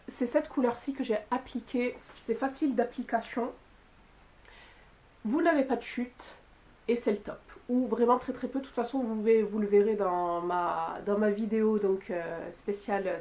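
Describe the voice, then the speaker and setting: A woman vlogger chatting casually to camera about makeup she bought, with lots of fillers and pauses. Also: on the high side, darkish tone. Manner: chatty, with frequent fillers and "voilà". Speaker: beauty youtuber. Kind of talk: casual product haul talk to camera.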